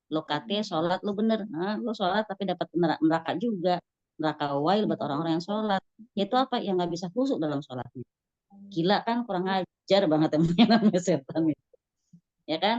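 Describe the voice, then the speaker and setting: Lady teaching a religious study group, lowish voice, lively, dull dry lo-fi sound. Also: normal speed, no echo. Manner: lively, acts out voices in quoted speech. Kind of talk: casual religious study talk.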